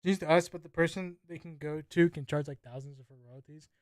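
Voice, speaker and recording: Young male streamer, high and dry, excitable slang reaction chatter. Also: fairly quick, no room sound. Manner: excitable, slangy, talks to chat. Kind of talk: casual reaction commentary.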